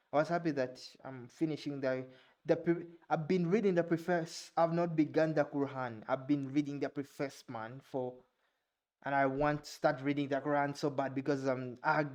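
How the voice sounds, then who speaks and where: With a slightly high voice and a darkish tone, a young Ugandan man who vlogs reads haltingly and sounds out words he doesn't recognize. Luganda is his first language, his English has a Ugandan accent, and he makes casual asides.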